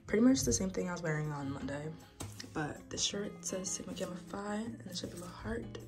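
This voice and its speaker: A young woman with a bubbly sorority-girl manner chats casually to her vlog in a lowish voice, talking a little fast over background music. She films indoors in bedrooms, restrooms and meeting rooms on a nearby handheld phone or camera.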